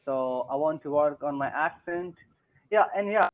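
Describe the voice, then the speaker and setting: On a video call for online tutoring, a young man learning English talks hesitantly with many fillers, at a moderate pace in a slightly high voice. The call audio is tinny, like a phone line.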